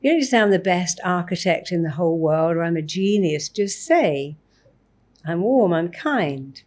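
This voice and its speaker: A woman therapist on a podcast interview, talking in an animated way and acting out examples of self-talk. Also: fairly low pitch, moderate pace. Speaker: therapist guest.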